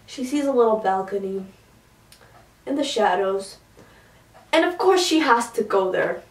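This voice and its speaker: A young woman giving a casual, chatty book talk, excitable with quick asides. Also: a little high. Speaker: book reviewer. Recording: roomy, from a distance.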